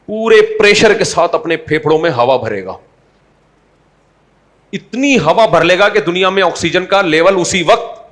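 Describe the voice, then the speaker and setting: A man's voice: fairly high pitch, a bit bright. A man preaching an Islamic sermon in a conversational, humorous way, asking the audience rhetorical questions. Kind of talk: Urdu sermon.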